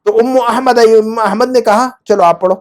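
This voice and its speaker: A male teacher explains grammar in an unhurried, patient way. He checks his student's understanding with frequent quick questions and repeats key terms until they stick. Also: sits high. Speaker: Arabic teacher. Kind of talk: explaining Arabic grammar in Urdu.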